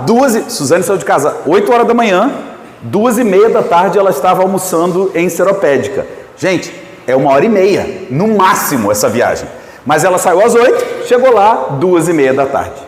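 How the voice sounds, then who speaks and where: A man's voice: high voice, echoey room, in a large hall. A Brazilian man preaching a sermon to married couples, telling stories and asking his audience questions. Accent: Brazilian Portuguese. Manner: lively storytelling, asks the audience questions. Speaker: pastor.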